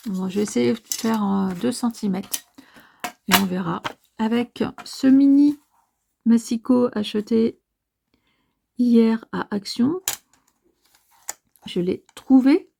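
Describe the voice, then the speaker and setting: A woman talks through a crafting project at her desk at an unhurried pace, hesitating often. Her voice is mellow and warm, with a gravelly edge of vocal fry. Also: on the high side. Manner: hesitant, many filler sounds, slow and musing. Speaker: crafting vlogger. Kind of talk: casual step-by-step crafting narration.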